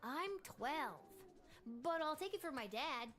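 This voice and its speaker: A woman's voice: high-pitched, animated, slow, a bit bright, soft background music, heavily acted. A woman voicing an earnest, innocent twelve-year-old in a video game. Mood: awed. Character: earnest twelve-year-old child, polite and easily impressed.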